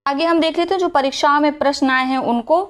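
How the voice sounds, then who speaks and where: A woman with a high voice teaches a spelling lesson for exam preparation. She talks through each word step by step, posing questions to her students and answering them herself. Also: steady tone, quick pace. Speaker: Hindi teacher.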